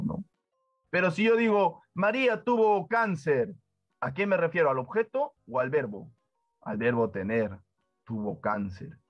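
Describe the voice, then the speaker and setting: A man giving a classroom-style lesson, often pausing to ask his listeners whether they follow. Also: on the high side, dry recording. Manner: keeps asking "¿sí o no?" as a check-in, lively teacherly emphasis. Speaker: teacher. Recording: dull dry lo-fi voice with faint music.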